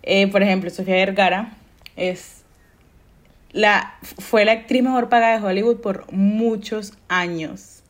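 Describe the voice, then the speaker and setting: A woman's voice: mid-range voice, steady tone, a little slow. Chatty woman host. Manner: chatty, laughs often, loose storyteller. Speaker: podcast host. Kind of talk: casual podcast chat.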